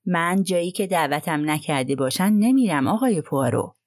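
A woman's voice: on the low side, lively intonation, darkish tone, no room sound, clean studio sound. A woman voicing a prim, self-righteous older housekeeper who complains indignantly, in an audiobook.

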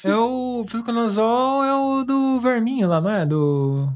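A man's voice: very high voice, unhurried. A man joking and asking questions in a casual chat.

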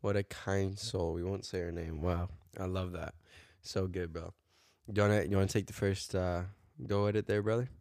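A low-voiced man on a podcast, talking in a fired-up, preachy way. He drops bro and man as he pushes his points. The sound is close and dry. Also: flat delivery, moderate pace, few pauses, darkish tone, no echo. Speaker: podcast co-host. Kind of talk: casual podcast chat.

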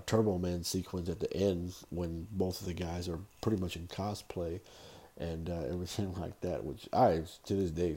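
A middle-aged man hosting a podcast, chatting casually about movies in a rambling, halting way. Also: low-pitched, dark tone, husky. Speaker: podcast host. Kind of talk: casual solo movie-review chat.

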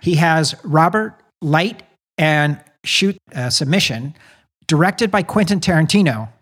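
A man's voice: fairly high pitch, expressive, a little slow, fairly bright tone, breathy edge. A man hosting a movie podcast, telling stories and reading out a film synopsis. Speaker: podcast host. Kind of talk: casual chat and read synopsis.

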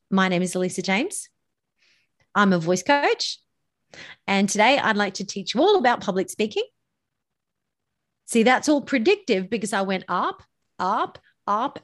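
A podcast interview features a middle-aged woman, a voice coach, emphatically advising on public speaking. Her voice is medium-pitched at normal speed, and she's animated, stretching out words for dramatic effect.

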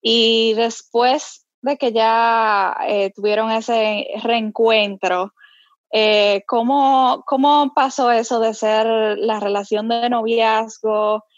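A woman's voice: fairly high pitch, steady tone, takes it slowly, no echo. A woman interviewing a guest in a casual chat, curious and asking many questions. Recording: slightly dull, dry sound.

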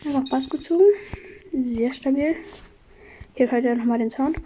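A woman hosting casual gameplay commentary, upbeat and slightly hoarse from a cold, reading out item counts in quick bursts. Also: high voice, warm tone, slight background noise. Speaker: gaming channel host. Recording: dull lo-fi audio with game music. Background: game music.

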